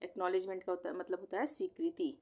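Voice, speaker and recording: A woman's voice: on the low side, level tone, fast, darkish tone. A woman teacher patiently sounding out long words letter by letter in a spelling lesson.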